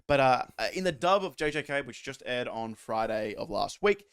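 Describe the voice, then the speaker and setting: A man co-hosts a casual chat podcast, rambling through restarts and slipping into lively quoted voices. He is from Australia, and his voice sits in an ordinary middle pitch. The room sounds dry and close, with no echo. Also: moderate pace, smooth. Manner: rambling, restarts, animated impressions. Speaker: podcast co-host.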